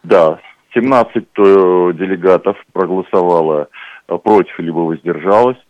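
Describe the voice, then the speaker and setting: A man, a regional party leader, speaking as a phone guest in a political interview, measured and formal with frequent hesitations. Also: deep voice, no room sound. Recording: narrow phone line.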